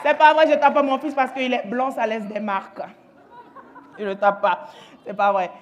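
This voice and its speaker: A woman's voice: a little high, moderate pace, lo-fi sound. A young woman performing stand-up comedy on a festival stage, talking straight to the crowd and acting out the people in her stories. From France. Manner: lively, addresses the audience directly, acts out dialogue. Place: festival stage before a live audience.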